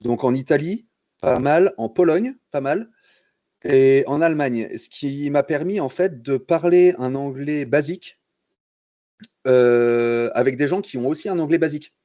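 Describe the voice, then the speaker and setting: Slightly high-voiced and unhurried, this young man from France, a native French speaker, chats as a concept-artist guest on a livestream. He tells his story casually, joking and relaxed with plenty of fillers and restarts, in a recording with no echo and the highs cut off.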